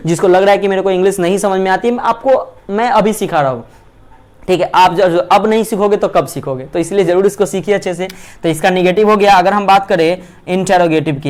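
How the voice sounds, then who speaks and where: A man teaching English grammar, asking himself questions and slowly spelling out sentence structures. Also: high-pitched, darkish tone. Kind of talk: Hindi lecture on English grammar.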